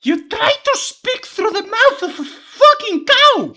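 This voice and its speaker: A woman running a tabletop game, loud and excitable, her mic peaking into clipping distortion. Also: very high-pitched, unhurried. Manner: loud, excitable, yelling with laughter. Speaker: game master.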